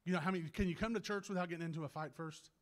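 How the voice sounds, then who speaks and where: A man preaching a sermon, often restarting his words, sometimes choked up and clearing his throat, and rising to loud, shouted passages. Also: fairly even intonation. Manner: builds from low, halting talk to loud, shouted preaching with many restarts.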